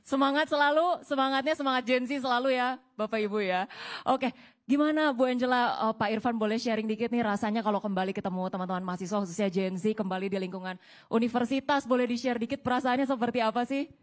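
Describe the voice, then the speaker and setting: A young woman with a high, bright-pitched voice hosts a live talk show on a campus stage. She chats with the crowd, teasing them playfully between introductions. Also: fast talker. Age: young adult. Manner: chatty, teasing audience banter. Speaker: event host. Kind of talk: lively stage hosting.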